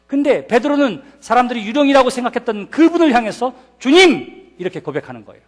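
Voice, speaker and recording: A man's voice: extremely high pitch, very animated, fast. A male pastor preaching a sermon at a church service, emphatic and putting rhetorical questions to the congregation.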